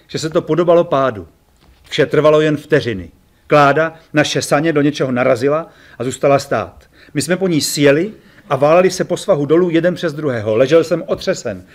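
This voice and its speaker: A man reading his own adventure story aloud to a live audience, with lively dramatic emphasis. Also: a little high.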